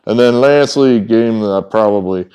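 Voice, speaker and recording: This sports betting picks host, a middle-aged man, has a fairly low, dark and clean voice at a moderate pace. He chats off the cuff to the camera, rambling folksily with many ums and trailing asides, in a wood-paneled room with a whiteboard behind him.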